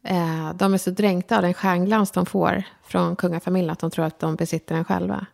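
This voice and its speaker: A woman from Sweden with a slight lisp who speaks far forward in her mouth, giving her Stockholm accent an upper-class ring. She talks directly and frankly, with a self-deprecating streak. Her middle-pitched voice carries a gravelly edge. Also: fairly even intonation, a little mellow. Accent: Stockholm, slightly upper-class tinge. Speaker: guest, designer and lecturer. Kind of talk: casual conversation.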